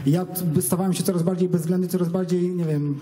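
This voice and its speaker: Fast-talking earnest man giving testimony. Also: high voice, fairly even intonation, warm tone. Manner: earnest, halting, with many restarts and fillers. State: nervous, stage fright. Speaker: person giving a religious testimony. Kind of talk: spoken personal testimony to an audience.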